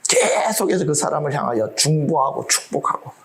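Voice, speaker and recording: A middle-aged male pastor delivers a sermon in a voice that swings widely up and down. His tone sits a little high for a man. He keeps the talk light with jokes and rhetorical questions. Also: a little fast. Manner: lively, humorous preaching with rhetorical questions.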